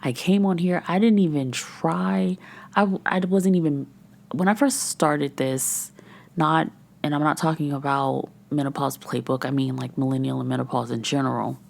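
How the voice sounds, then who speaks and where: Recorded on a podcast mic, this menopause coach in her thirties has a low, gravelly voice with a slightly mellow quality. Frustrated and overwhelmed, she hosts her solo podcast candidly, wandering from point to point and occasionally falling to a whisper.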